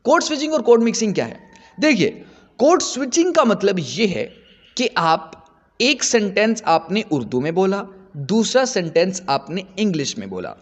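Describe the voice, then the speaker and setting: A man's voice: sits high, sing-song, normal speed, long reverb tail. A man giving an explanatory lecture as a teacher, repeating points for his students.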